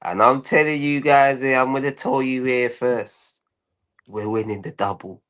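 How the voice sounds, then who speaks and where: A man with a mid-pitched voice delivers a declamatory football fan monologue. He is boastful and rhetorical, building his points through repeated phrases. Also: steady tone, a little slow, fairly bright tone. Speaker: football fan channel presenter.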